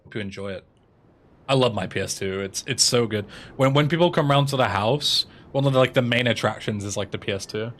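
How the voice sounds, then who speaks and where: Against slight background noise, an English streamer and speedrunner in his twenties talks a little fast in a medium-pitched, fairly bright voice. With his English accent, he keeps things casual on the livestream, answering viewers' messages aloud.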